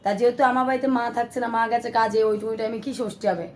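Hoarse-voiced woman chatting fast at home. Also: fairly high pitch, fairly even intonation, a little hiss or hum, low-quality recording. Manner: chatty, addresses viewers directly. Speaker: vlogger. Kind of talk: casual home vlog talk to viewers. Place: small home flat. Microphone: phone held in hand.

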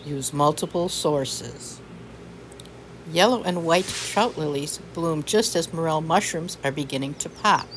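Slow, low-voiced woman narrator. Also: noisy background. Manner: measured, instructive. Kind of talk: scripted voice-over narration.

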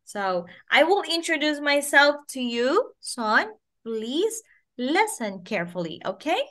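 Over a video call, a young Filipino woman in her twenties models English phrases slowly and sing-song for a child she's teaching. Her voice sits high, with a fairly bright tone.

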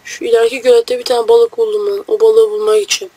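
A young man giving casual, joking let's-play commentary, brash and quick to swear at enemies while talking to his viewers. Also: very high voice, flat delivery, mellow, husky. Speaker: gamer.

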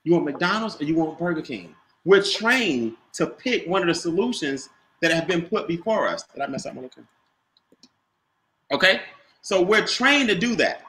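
A man's voice: fairly high pitch, sing-song, normal speed, fairly bright tone, echoey room, a little hiss or hum. A man coaching a group on a video call, stressing and repeating his key points and quizzing listeners. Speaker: business trainer.

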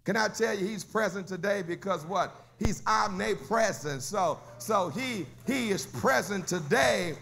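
A pastor preaching a sermon, rising into shouts and sung whoops and asking the congregation "Huh?". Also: male voice, high voice, a little slow, vocal fry, hardly any pauses. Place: church sanctuary.

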